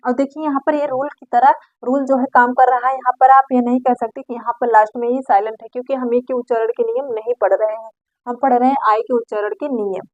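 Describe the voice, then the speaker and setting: A woman's voice: a little high, fairly even intonation, fast talker, a little mellow, no echo. A woman explaining pronunciation rules in a lesson, patient and repetitive, asking questions and then answering them herself. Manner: patient, repeats key points, asks and answers her own questions. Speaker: English pronunciation teacher. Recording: dry, muffled lo-fi recording.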